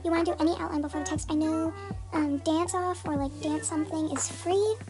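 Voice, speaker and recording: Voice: steady tone, fairly quick. A tutorial host speaking through a voice changer that disguises their voice, chatty and full of "like" and "um". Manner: chatty, many "like" and "um" fillers. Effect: voice changer disguising the voice, pitched very high. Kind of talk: casual step-by-step tutorial.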